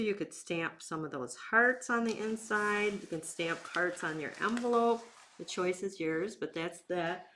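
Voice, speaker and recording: A woman leads a casual craft demonstration in a slightly low voice. She talks informally through each step as she works, taking her time. Faint noise sits in the background. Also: fairly bright tone. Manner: informal, unhurried, talking while working with hands. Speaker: craft instructor and bingo night host.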